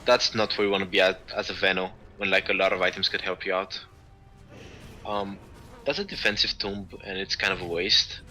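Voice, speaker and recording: A man's voice: low voice, steady tone, a little fast, pushed and bright, soft background music, rough recording. A man giving casual esports analysis as co-caster, chatty critiques full of "like".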